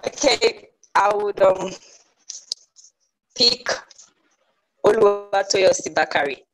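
A woman's voice: medium pitch, slow, poor audio. A woman from Nigeria, a council president, introducing herself in a cheerful, chatty way on a video call. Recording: video call audio with faint hiss.

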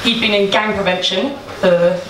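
A woman's voice: medium pitch, fairly even intonation, moderate pace. A young woman on stage telling the story of starting a bakery, chatty, swearing freely and laughing through her words, into a handheld microphone. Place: small indoor event space with a seated audience. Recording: roomy live-event sound, picked up from a distance, with room noise.

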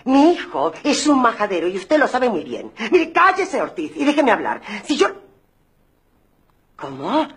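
A woman's voice: on the low side, big pitch swings, slow, long pauses, husky, heavily acted. An actress playing a wealthy, imperious mother who scolds an employee on the phone and flirts coyly with a caller in a 1990s TV comedy. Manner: bossy on the phone, then coquettish.

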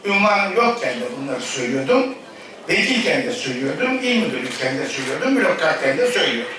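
Middle-aged male politician at a podium mic, high-set voice, rhetorical delivery, boomy distant hall sound. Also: very animated. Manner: rhetorical, addressing the crowd with pauses between phrases. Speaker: politician giving a congress speech. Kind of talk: formal political speech to a party congress. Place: large echoey congress hall. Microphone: speaking at a podium microphone. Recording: echoey hall, distant mic, audible room noise.

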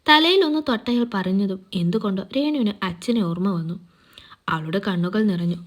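A woman's voice: mid-range voice, lively intonation, a little fast. Woman narrating a story steadily. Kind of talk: scripted narration of a romance serial.

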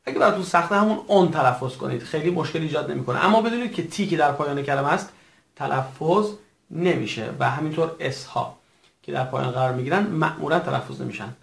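A man teaching a recorded language lesson in a formal, patient way, repeating each word slowly for his learners. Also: fairly high pitch, vocal fry. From Iran. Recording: echoey room.

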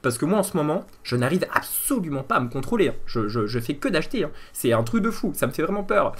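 A man in his thirties chatting casually with his live-stream viewers, animated and laughing at his own jokes. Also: on the high side, quick pace. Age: 30s.

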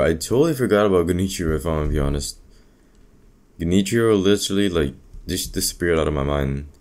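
A young man giving excitable, profane commentary while playing a video game. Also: deep voice. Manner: excitable, profane, reacting loudly. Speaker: let's play host. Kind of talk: gaming commentary. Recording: music playing clearly behind. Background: game music.

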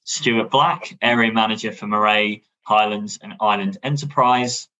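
A man with a low but bright, forceful voice moderates an online panel over a video call. He introduces the speakers formally. His delivery is full of fillers. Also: a little slow, dull audio. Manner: formal, with frequent fillers and restarts. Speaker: panel chair.

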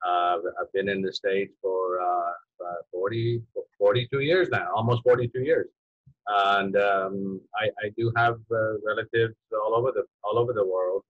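A man's voice: fairly low pitch, normal speed, no room sound. A man in his fifties from Iran, a photographer, talking hesitantly with many fillers and restarts on a video call from home. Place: home room with dark curtain. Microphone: video call computer mic. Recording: dull lo-fi video call audio.

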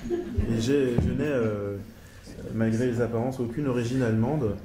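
In an echoey lecture hall with faint noise, a middle-aged man who works as a psychiatrist presents and discusses at an academic conference panel. His mid-range voice is unhurried with fairly even intonation. He pauses hesitantly, leans on fillers and handles foreign names with care.

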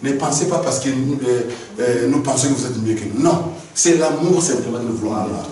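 A man's voice: medium pitch, fairly quick, dark tone, heavy reverb. A man preaching a sermon, acting out dialogues in shifting voices, heard from a distance in a room with faint background noise.

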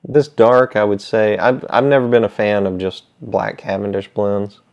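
A man's voice: lowish voice, fairly even intonation, moderate pace, a little mellow. A middle-aged man in a laid-back, hesitant, rambling casual chat to camera, talking around a pipe held in his mouth. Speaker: pipe tobacco seller. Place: small indoor room with shelves. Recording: slightly dull, lo-fi sound.

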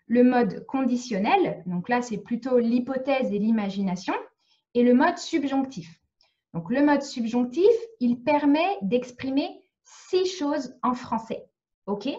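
A woman's voice: on the high side, darkish tone, lo-fi sound. A woman from France teaching French in a live online lesson, explaining patiently and checking often that students follow. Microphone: video call.

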